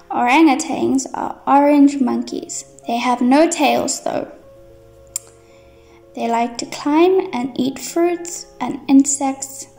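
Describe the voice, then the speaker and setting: Young lady doing a kids lesson, high bright sing-song host voice, slow, bit of music behind. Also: gravelly. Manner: bright, sing-song, encouraging address to small children. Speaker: children's teacher presenting a video lesson. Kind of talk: children's educational lesson.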